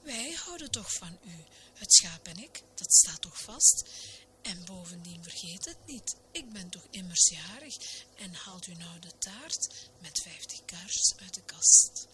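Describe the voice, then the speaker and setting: A woman's voice: lowish voice, big pitch swings, measured pace. Whispered role-play: grumbly kindly pastor voiced by a woman, noisy background. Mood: fussing. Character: fussy kindly male village pastor. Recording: noisy recording.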